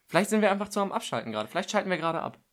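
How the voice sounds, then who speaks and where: A man co-hosting a casual podcast chat, playful and quick to jump between topics. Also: high voice, big pitch swings. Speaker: podcast co-host.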